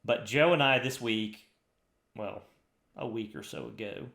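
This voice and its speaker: A man's voice: on the low side, a little slow, vocal fry, a bit bright. Enthusiastic man in an echoey room. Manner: enthusiastic, rambling with restarts. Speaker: podcast co-host. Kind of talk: casual chat. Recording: roomy echo.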